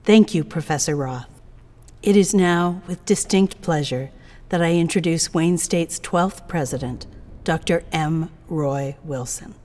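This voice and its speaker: A woman, a provost, making deliberate, formal introductions of speakers at a ceremony. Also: low voice, darkish tone, long reverb tail. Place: indoor room with flags, at a podium.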